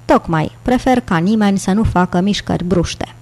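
A raspy, threatening albino monk, as a woman reader puts him on. He speaks in a rough, hushed voice at a moderate pitch, as in a spoken audiobook. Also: lightly acted. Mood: commanding. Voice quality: raspy, hoarse. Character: hulking menacing albino monk, man.

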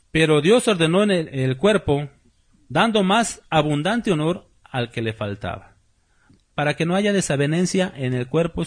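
Husky pastor preaching conversationally. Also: male voice, high voice. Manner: conversational preaching, rhetorical questions to the congregation. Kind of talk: sermon.

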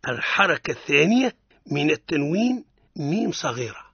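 A man with a Tunisian Arabic accent teaching the rules of Quran recitation on the radio, explaining each rule, quizzing his student and chanting verses slowly. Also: on the high side, sing-song, fairly bright tone, slightly rough, dry recording, dull audio.

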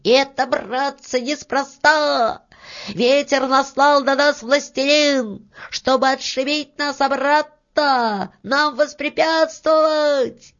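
A cross, red-haired little peasant man yells at his companions in a raised, strained voice, as a woman reader puts him on, for a fairy-tale audiobook. The sound is dull and lo-fi. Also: high voice, steady tone, slow pace, voice pushed up, exaggerated voice. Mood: alarmed shouting. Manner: shouting, indignant.

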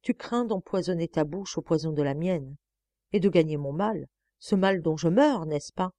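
Sickly young man in love , woman reader, soft and breathless, mellow tone, no room sound. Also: lowish voice, normal speed, dry recording, lightly acted. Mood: bitter.

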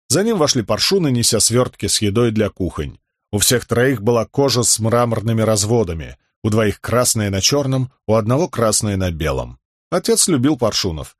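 A man reading fantasy fiction aloud in steady, measured audiobook narration. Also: on the low side, dry recording, studio quality. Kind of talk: scripted narration.

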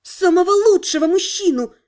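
A woman's voice: extremely high pitch, a little slow, warm tone, voice pushed up. Woman playing a flustered, defiant young woman. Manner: flustered but defiant, pleading. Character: stubborn, nervous young woman. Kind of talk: audiobook character voice.

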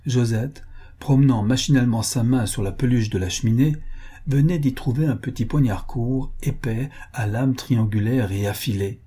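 Man, audiobook narrator, measured reading, husky, dark tone. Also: medium pitch.

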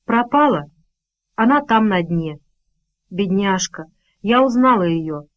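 A woman's voice: mid-range voice, expressive, slow, dull audio. A woman voicing a distraught elderly woman who begs for help in a breathless, shaken voice in an audiobook. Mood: shaken recounting.

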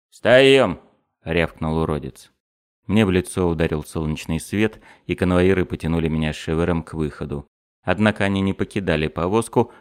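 A man reading a first-person audiobook in a steady, measured storytelling manner. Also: low voice. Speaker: audiobook narrator.

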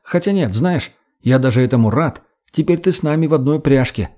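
A blunt, cocky teenage boy, read by a male audiobook narrator in a voice near his own. He sounds offhand and unimpressed, and the tone stays mellow. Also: mid-range voice, lively intonation, a little fast, close to an everyday voice. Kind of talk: audiobook character voice.

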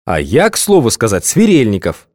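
A male audiobook reader voicing a cheerful, curious middle-aged man who asks lively, eager questions. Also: medium pitch, moderate pace, no echo, studio quality, pitched above the performer's own voice.

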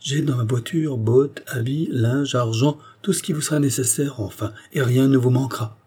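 A man's voice: mid-range voice, moderate pace, warm tone, slightly rough, pitched above the performer's own voice, close to an everyday voice. A man reading the part of a self-assured aristocratic duke who speaks in a soothing, reassuring way.

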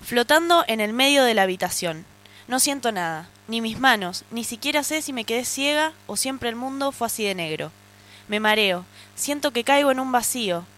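A woman's voice: a little high, lively intonation, normal speed, fairly bright tone. A woman with a Rioplatense Spanish accent, reading her own short story aloud intensely and emotionally.

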